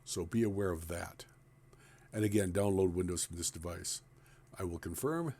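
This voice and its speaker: A man's voice: deep voice, moderate pace, dark tone. A man walking through a computer task step by step in a plain, explanatory screen-recording tutorial. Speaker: tech tutorial presenter.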